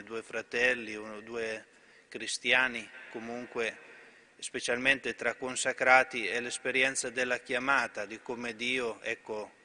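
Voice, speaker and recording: A man, a priest, giving a homily in church, speaking haltingly with pauses and restarts. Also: mid-range voice, pushed and bright.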